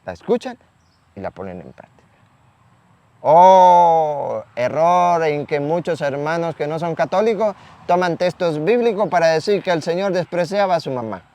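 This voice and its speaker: A man's voice: on the high side, lively intonation, brisk, darkish tone. A man from Venezuela giving an emphatic daily Gospel reflection, repeating words and asking rhetorical questions. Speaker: preacher.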